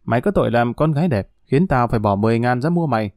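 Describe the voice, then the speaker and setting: A man's voice: medium pitch, lively intonation, quick pace, darkish tone, dry recording, clean studio sound, lightly acted. A man doing a cruel menacing pimp. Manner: harsh, threatening, contemptuous. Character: brutal male pimp, cold and menacing.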